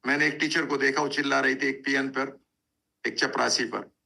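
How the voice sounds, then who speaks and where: A man giving a motivational talk in a chatty storytelling way. His voice is bright and edgy with plenty of gravelly fry. He circles back to his points for emphasis. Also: mid-range voice, steady tone, moderate pace. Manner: conversational, storytelling, repeats for emphasis. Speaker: motivational speaker. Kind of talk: motivational talk, Hindi mixed with English.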